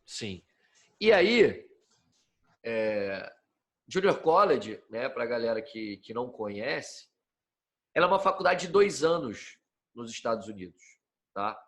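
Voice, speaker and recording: A man's voice: mid-range voice, slow, pauses often. Young Brazilian man telling a story. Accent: Brazilian Portuguese. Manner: relaxed, slangy, frequent tag questions. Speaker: podcast guest telling his story. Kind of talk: casual storytelling.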